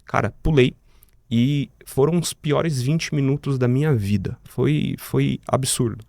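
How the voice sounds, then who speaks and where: A man's voice: mid-range voice, unhurried, creaky, a little mellow, dry recording. A man with a Brazilian accent, a guest in a podcast studio, telling a personal story vividly and acting out the dialogue. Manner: vivid, talks to the host as "cara", acts out the dialogue.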